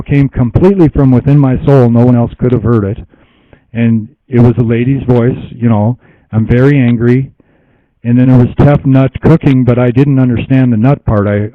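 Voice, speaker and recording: Man, interview guest, meandering storytelling, frequent laughs, mid pitch, dry lo-fi radio sound. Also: dry recording. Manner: meandering, laughs often, lots of fillers. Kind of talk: rambling personal storytelling.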